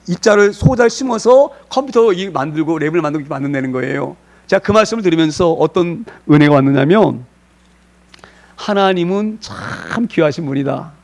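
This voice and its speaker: A male pastor preaching a sermon, slowing down on key words and asking the congregation rhetorical questions. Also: high voice.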